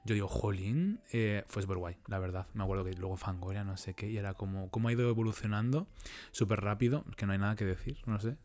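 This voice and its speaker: A man from hosting a casual podcast chat, reflective and soft-spoken, often trailing off. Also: lowish voice, fast.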